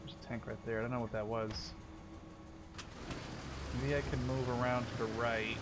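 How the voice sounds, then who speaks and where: Speaking at a moderate pace in a flat, mid-range voice, a gaming video host in his twenties, Dutch and living in Canada, narrates his play. The commentary is casual, chatty and playful, full of thinking aloud. Vehicle and game noise from a tank game run underneath.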